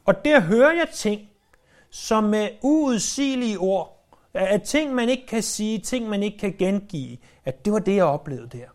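A man preaching a sermon, stressing points loudly and then dropping to hushed, low phrases. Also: big pitch swings. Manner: emphatic, swings between loud stresses and hushed low phrases.

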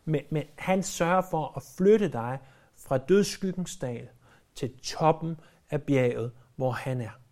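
Animated preacher full of hesitations. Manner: animated, acts out quoted speech with pitch jumps; frequent hesitation fillers and word repeats. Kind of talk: sermon.

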